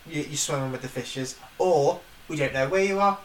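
A woman's voice: low voice, moderate pace, far from the mic. A woman co-hosting a podcast, chatting casually with playful, jokey banter. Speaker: podcast co-host. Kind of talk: casual chat. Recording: echoey room with faint hiss.

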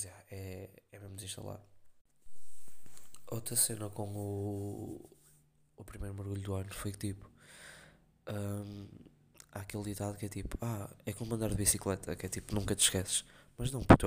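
A man's voice: fairly low pitch, gravelly, slight background noise. A young man with a European Portuguese accent, rambling in slangy casual chat as a podcast host. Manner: slangy, rambling storytelling with many fillers.

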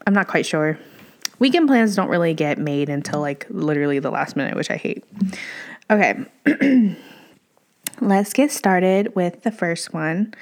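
Young female podcaster, slightly low pitch, stuffy nose. Informal, rambling solo chat that often doubles back on itself. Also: darkish tone. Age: young adult. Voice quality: congested, stuffy-nosed. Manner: informal, rambling, self-interrupting. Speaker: podcast host.

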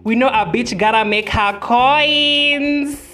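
A woman's voice: a little high, slow pace, sharp tone. A woman with a Kenyan accent hosting a casual podcast in a brash, campy, sultry drawl, bantering and swearing freely. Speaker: podcast host. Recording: music behind the voice. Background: music.

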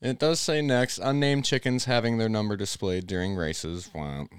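A man's voice: lowish voice, normal speed, smooth, no room sound. A man hosting a casual live-stream chat, reading update notes aloud and joking along the way. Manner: reads notes then jokes and laughs. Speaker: podcast host.

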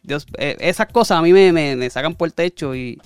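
Chatty man, smooth dry voice. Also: fairly high pitch, brisk, no echo. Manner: rambling, self-correcting storyteller. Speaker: guest. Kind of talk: casual interview chat.

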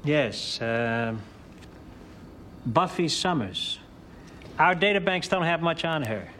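A man playing a formal government official who speaks in a deliberate way. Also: a little high, expressive, a bit bright, slight background noise.

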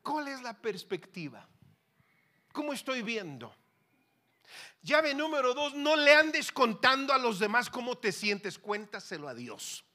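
A man preaching a lively sermon with a Mexican accent, swinging from soft to loud and acting out voices. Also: very high voice, measured pace.

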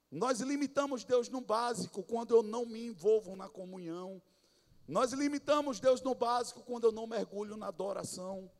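A man preaching a sermon in a church, his voice swelling and dropping. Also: very high voice. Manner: preaching with swells and drops in volume. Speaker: pastor. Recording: long hall reverb.

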